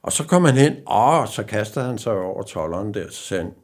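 Gravelly older man telling stories. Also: lowish voice, animated. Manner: anecdotal, halting with many fillers, acts out quoted dialogue. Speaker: former racing driver. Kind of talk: casual storytelling.

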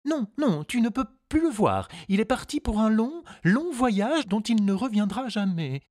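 A man's voice: sits high, very animated, unhurried, no room sound. A man voicing a kindly grown woman in a storybook reading, who speaks to a child in a soothing way. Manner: soothing, gentle.

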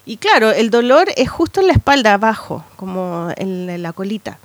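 A woman in her thirties with a Chilean accent, telling a story in animated casual chat as a podcast co-host. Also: medium pitch, normal speed, dry recording. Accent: Chilean Spanish. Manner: animated storytelling with lots of slang tags.

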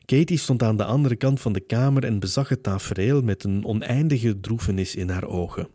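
Low-voiced male audiobook narrator. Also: brisk, mellow, no room sound, studio quality. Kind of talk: first-person scripted narration.

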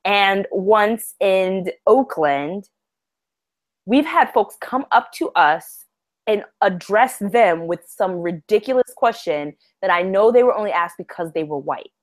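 A woman co-hosting a podcast, telling stories in casual chat, animated and laughing as she tells them. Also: mid-range voice, unhurried. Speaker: podcast co-host.

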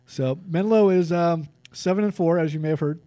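Californian male co-host, casual stat-heavy chat, warm tone, dry mic. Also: on the high side, normal speed, dry recording. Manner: reads stats, relaxed and conversational. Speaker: sports podcast co-host.

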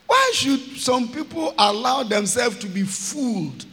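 A Ghanaian man, chairman of a church, preaching a sermon with emphatic, drawn-out phrases that rise to shouts. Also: extremely high pitch, expressive. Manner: emphatic, rising to shouts, stretching words slowly. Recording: long hall reverb.

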